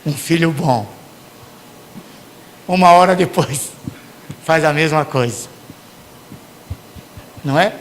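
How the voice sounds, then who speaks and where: A Brazilian pastor preaching a sermon in church, swinging from hushed lines to shouted ones and acting out the people he quotes. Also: fairly high pitch, slow pace, pauses often, slight background noise. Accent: Brazilian Portuguese. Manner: acts out quoted parents and sinners.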